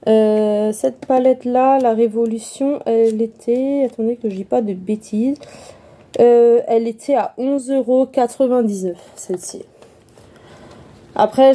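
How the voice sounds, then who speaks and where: Chatty woman with a very warm voice. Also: a little high, steady tone, brisk. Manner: chatty, repeats words, many fillers. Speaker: beauty vlogger. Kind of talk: casual haul video. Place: room at home.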